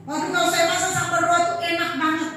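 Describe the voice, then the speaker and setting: A very high-voiced woman pastor, middle-aged and from Manado, Indonesia, preaches at a quick pace. Her animated sermon is full of personal stories, and she keeps turning to the congregation. The sound is echoey and far off in a church hall, with a little hiss or hum.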